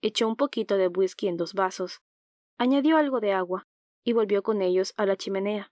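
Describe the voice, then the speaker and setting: A woman narrating an audiobook in a calm, even reading voice, close to the mic. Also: mid-range voice, fairly quick, dry recording.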